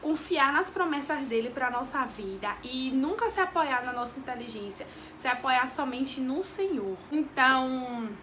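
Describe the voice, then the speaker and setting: A woman's voice: high voice, lively intonation, moderate pace, hardly any pauses, pushed and bright, slight background noise. A young woman from Brazil with a Bahian accent, telling a heartfelt, devout personal story in a vlog, repeating phrases as she goes. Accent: Bahian Brazilian Portuguese. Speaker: vlogger. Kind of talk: emotional personal testimony.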